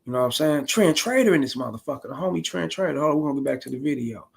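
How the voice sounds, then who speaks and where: A man's voice: fairly high pitch, expressive, very fast, vocal fry. A man in his forties giving blunt, profane, rambling street-style commentary on a stream. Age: 40s. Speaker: streamer reacting to a video.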